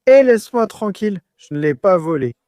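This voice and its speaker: A man's voice: sits high, lively intonation, fairly quick, a little mellow, no echo, clean studio sound. An actor playing a defensive, squabbling man who keeps protesting his innocence. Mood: indignant. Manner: indignant, protesting, repetitive denials. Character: Tiberius, defensive squabbling man denying blame.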